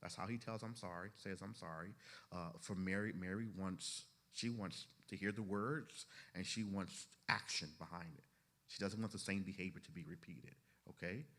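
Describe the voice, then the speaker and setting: A male instructor teaching therapists lectures his trainees conversationally, often saying "you know" and putting questions to the room. His low voice moves at a moderate pace with a fairly bright tone.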